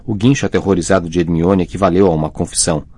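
A male audiobook narrator reads in a steady, measured way. His voice sits very low, and the close studio recording is dry with no room sound. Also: breathy edge, dry recording. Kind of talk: scripted narration.

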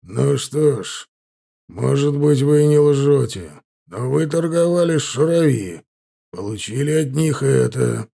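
Man doing a menacing bandit leader, slow hissing threats, dark gravelly voice, audiobook story. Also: medium pitch, lively intonation.

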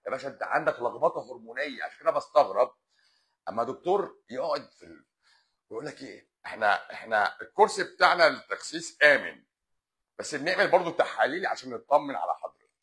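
A man's voice: medium pitch, big pitch swings, fast talker, pushed and bright. A man with an Egyptian accent, a doctor hosting a live stream who answers viewer comments in a blunt, lecturing way and drops English medical terms into his talk. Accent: Egyptian Arabic. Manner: blunt and lecturing, often exasperated.

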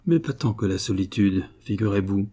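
A man doing a gruff, surly giant. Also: lowish voice, lively intonation, normal speed, warm tone. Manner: growling, then bellowing.

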